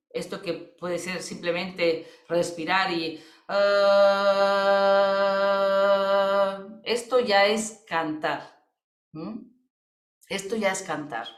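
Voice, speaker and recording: A woman's voice: fairly low pitch, a bit bright. Woman teaching in an echoey room. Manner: conversational, many fillers and tag questions. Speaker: voice therapist. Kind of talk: webinar explanation.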